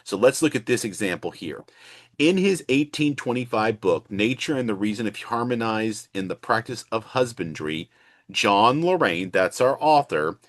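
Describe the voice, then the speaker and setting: A man's voice: lowish voice, dry recording, clean studio sound. A male instructor giving an explanatory walkthrough lesson, restating and stressing key points. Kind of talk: instructional screen walkthrough lecture.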